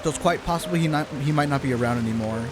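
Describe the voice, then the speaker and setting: A man livestreams a game with game music playing behind him, chatting casually and enthusiastically. His voice is fairly high and racing, and he rambles and repeats his phrases as he reacts.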